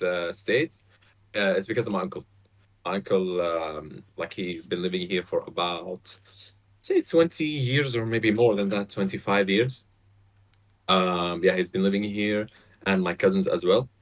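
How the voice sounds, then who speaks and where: A young man in his twenties who grew up in Saudi Arabia, a podcast guest on a video call, talking casually with lots of fillers and restarts. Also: deep voice. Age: 20s. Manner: relaxed, hesitant, many fillers and restarts. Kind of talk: casual chat. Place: bright apartment room, indoors. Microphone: headset on a video call.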